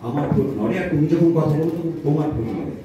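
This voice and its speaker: A man's voice: a little high, rapid-fire, muffled recording, a loud crowd. A man playing the scolding, explaining straight man in a comic puppet stage act. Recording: very echoey hall, distant mic, audience.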